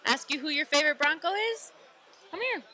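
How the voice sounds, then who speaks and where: A woman's voice: high-pitched, animated, fairly quick, bright, forceful tone, a little hiss or hum. A young woman co-hosting a live football watch party in a bar, joking and teasing in casual banter. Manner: playful, teasing. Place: in a bar or brewery.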